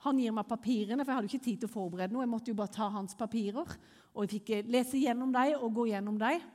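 A woman with a Norwegian accent preaching a sermon that tells a personal testimony, with lively storytelling that rises when she gets excited. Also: a little high. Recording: long hall reverb.

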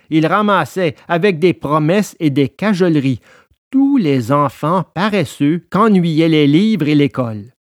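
Slow, lively storybook narrator, a man. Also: a little high, no echo, clean studio sound.

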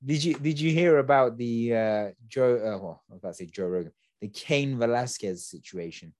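A man's voice: mid-range voice, moderate pace, darkish tone, no echo, studio quality. A young man, hosting a podcast in casual, slangy chat. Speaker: podcast host.

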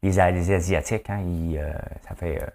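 A man's voice: sits low, fairly even intonation, normal speed, darkish tone, slight background noise. A male host with a Quebec French accent, running a chatty trivia monologue that keeps tossing in "hein?" and slipping into English phrases.

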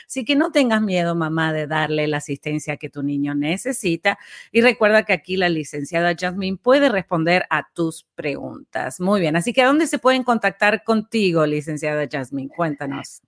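A woman's voice: fairly low pitch, expressive, normal speed. A woman with an Argentine accent hosting an interview, affirming her guest with frequent short agreements. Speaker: show host.

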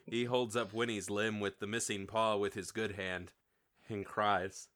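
Low-ish guy running a tabletop game, kinda laid back, lots of uhs. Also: unhurried, no echo, studio quality. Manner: relaxed narration with frequent "uh" fillers. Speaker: game master.

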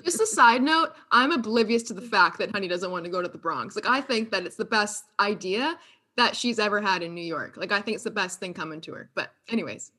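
A woman co-hosting a chat show, telling her side of a trip story in an animated way and laughing often. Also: medium pitch, brisk, breathy edge.

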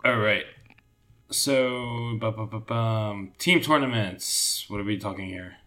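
Male podcast host, fairly low voice, easygoing and jokey, echoey unfinished home studio. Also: bright, forceful tone. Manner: easygoing, chatty, quick to joke. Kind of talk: casual podcast chat. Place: half-set-up home studio in a new place, somewhat echoey.

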